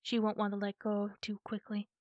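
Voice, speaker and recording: A woman's voice: mid-range voice, completely flat delivery, moderate pace, no room sound, highs cut off, lightly acted. A woman voicing a friendly, chatty young male apprentice cat in a storybook reading. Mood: earnest.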